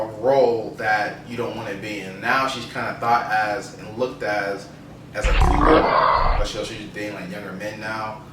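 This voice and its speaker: A male podcast co-host with a bright, forward voice gives his opinions casually and emphatically. He sounds roomy and slightly off the mic, with faint background noise. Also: on the low side, distant mic.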